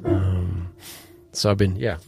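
This man's voice is low, dark, creaky, and slightly rough, with little pitch movement and a slow pace, recorded with no room sound. In his thirties and nasal with a cold, he rambles through a casual lesson on chord voicings with piano in the background, restarting, using fillers, and humming now and then.

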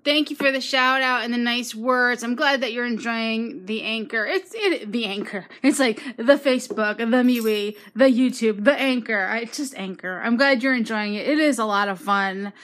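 A woman's voice: on the high side, normal speed, few pauses, fairly bright tone. A woman leaving a bubbly, encouraging voice message for a podcaster. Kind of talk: recorded voice message.

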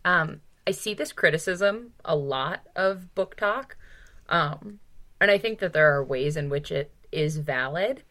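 This podcast co-host, a woman, sits low in pitch with a slightly bright tone, sounding animated at a measured pace. On the casual book discussion show, her speech is informal and emphatic, packed with "like" and some mild swearing.

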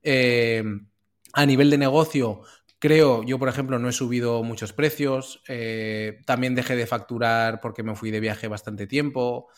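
A man chats casually on a podcast, reflective and hesitant, with frequent fillers. His voice sits at a mid pitch for a man. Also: steady tone, unhurried. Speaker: podcast co-host. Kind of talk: casual chat.

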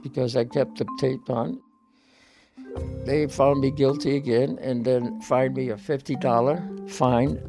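An older man giving a halting, emotional personal account, repeating words as he grows tearful. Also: mid-range voice, steady tone, gravelly, music in the background. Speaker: interviewee.

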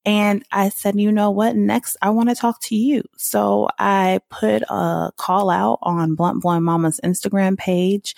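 A woman's voice: on the low side, creaky, a little mellow, no room sound, clean studio sound. A woman, hosting her own podcast in a candid, chatty way, laughing often and talking loosely. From Southern United States. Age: 30s. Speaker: podcast host. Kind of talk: casual podcast monologue.

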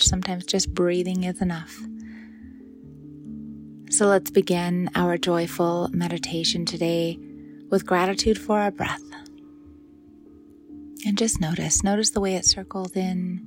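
Soft-spoken woman guiding meditation over music. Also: fairly low pitch. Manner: soft, slow, soothing delivery, often dropping into breathy near-whisper. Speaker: meditation guide and yoga teacher. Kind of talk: gentle guided meditation.

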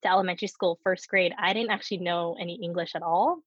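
In this lo-fi clip with crowd noise, a woman in her thirties speaks quickly in a lowish voice with fairly even intonation. She's a startup co-founder from the United States whose first language is Korean, and as a guest in a casual interview she talks candidly about her life, laughing often while telling stories.

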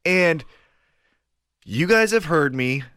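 A man with a fairly high, hoarse voice on the verge of giving out chats as a podcast co-host. His pitch swings a lot as he makes emphatic, repeated points in loose, sweary language. The sound is close and dry. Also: animated, takes it slowly, pushed and bright, dry recording. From Kansas City, United States. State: voice nearly gone. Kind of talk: casual podcast chat.

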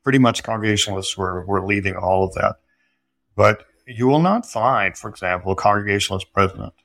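A man with a somewhat low voice talks through history for a podcast interview. He explains carefully, pausing and restarting, with flashes of dry humor. The sound is close and dry, with no room around it. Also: fairly bright tone, no room sound. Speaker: guest historian. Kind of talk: conversational interview answers.

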